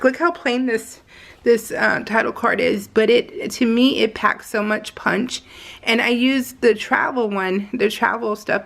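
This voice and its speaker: Here the middle-aged craft vlogger sounds on the high side, with vocal fry. She keeps up a relaxed, effusive, slang-heavy commentary, spinning stories and exclaiming often.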